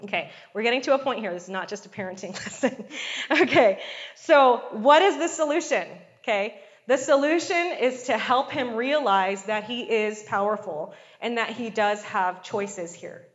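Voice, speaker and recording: A woman's voice: a little high, normal speed. Middle-aged woman preacher, chatty sermon delivery with constant call-and-response checks. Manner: conversational, frequent call-and-response "Amen?" and "okay?".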